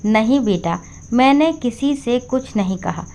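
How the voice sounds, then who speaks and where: A woman voicing an elderly, meek mother who speaks softly and hesitantly in a storybook. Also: fairly high pitch, lively intonation, unhurried, gravelly. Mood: frightened. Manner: soft and hesitant. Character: elderly meek widowed mother, gentle and pleading.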